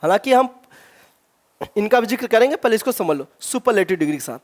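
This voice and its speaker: Man, english teacher, exam-prep grammar lesson, keeps asking questions, drawn-out example words. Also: sits high, animated, darkish tone. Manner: rhetorical questions, slow stressed example words.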